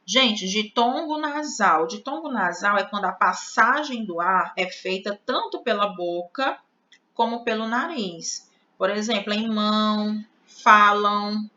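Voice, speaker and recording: Bright-voiced Brazilian woman teaching grammar. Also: medium pitch, expressive, measured pace. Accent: Brazilian Portuguese. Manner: explanatory, addresses viewers as "gente", frequent "né?" and "ó". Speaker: Portuguese teacher. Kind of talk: online grammar lesson. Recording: slightly dull lo-fi audio.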